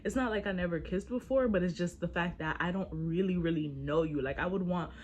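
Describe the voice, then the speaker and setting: Young woman storyteller, slangy and lively, casual chat to camera. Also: on the low side, brisk, slight background noise. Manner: animated, slangy, talks straight to viewers. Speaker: storyteller, vlogger.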